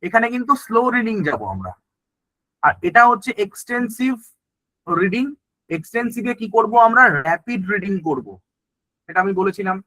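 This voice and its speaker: A man's voice: sits high, sing-song, moderate pace, long pauses, pushed and bright, no echo, poor audio. A man teaching an exam-prep lesson. He explains in Bengali mixed with English terms and keeps checking that the class is following.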